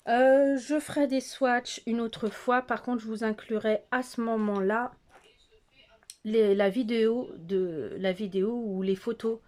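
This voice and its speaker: A woman's voice: on the high side, fairly even intonation, unhurried, a little mellow. A middle-aged woman vlogger chatting casually through a makeup tutorial, hesitating often with fillers and talking straight to her viewers. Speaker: beauty vlogger. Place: at home, close to the camera.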